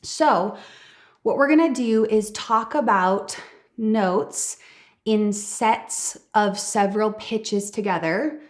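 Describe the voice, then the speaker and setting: A woman's voice: mid-range voice, slow. A woman vocal coach giving an upbeat, encouraging singing lesson, talking straight to her students and singing short demonstration lines.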